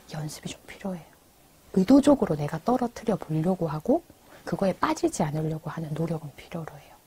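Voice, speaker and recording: A woman giving calm advice about stress and anger, often asking a question and answering it herself, with soft breathy endings to her phrases. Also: fairly low pitch, slight background noise. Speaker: speaker on everyday wisdom.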